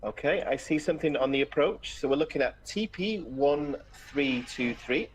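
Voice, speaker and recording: Hailing from Wales, with a bit of northern English in his accent, this live stream commentator chats casually about aviation and says friendly hellos to viewers. His voice is a little high and at normal speed. The audio is poor, with some hiss or hum.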